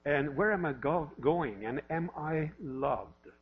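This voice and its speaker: A man's voice: fairly high pitch, lively intonation, takes it slowly. A pastor in his fifties, originally from Norway, gives a sermon in a church with light self-deprecating humor, asking the same questions again and again. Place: church sanctuary. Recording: lo-fi with mains hum.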